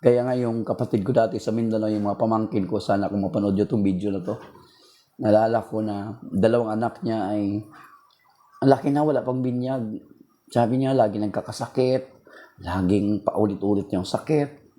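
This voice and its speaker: A man's voice: lowish voice, fairly even intonation, moderate pace, dark tone. A man giving an informal religious talk from home, earnest and repeating key points for emphasis, his voice strained.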